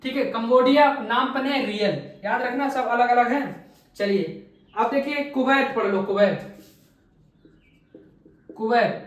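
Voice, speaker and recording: A man's voice: very high voice, a little slow, pauses often. A man teaching an exam-prep class, asking quiz questions and answering them himself, drilling each answer by repeating it. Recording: very echoey room, voice far from mic.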